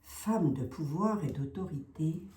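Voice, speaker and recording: A woman's voice: deep voice, expressive, measured pace, warm tone, roomy sound. A woman with a Lorraine accent doing a casual tarot and oracle reading, asking questions aloud and hedging with "hein". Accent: Lorraine French. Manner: chatty, asks questions aloud, hedges with "hein". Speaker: psychic card reader.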